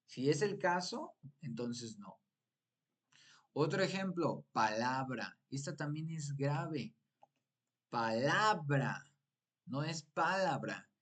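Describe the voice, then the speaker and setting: A man teaching a live-streamed exam prep lesson, explaining patiently and prompting viewers with repeated questions. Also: medium pitch. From Mexico.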